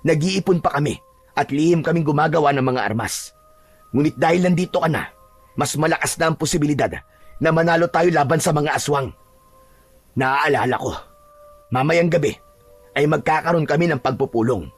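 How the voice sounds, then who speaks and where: A man's voice: a little high, a little fast, long pauses, husky, soft background music. A man voicing a secretive, loyal rebel warrior in a narrated horror audio drama, speaking earnestly and confidingly.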